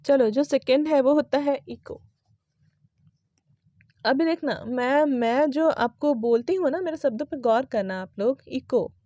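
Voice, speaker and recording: Lady teacher, spells words out letter by letter, kinda high mellow voice, dry close sound. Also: measured pace, no echo, highs cut off. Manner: explains patiently, spells words letter by letter, often asks "right?". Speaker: English pronunciation teacher. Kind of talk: casual classroom explanation.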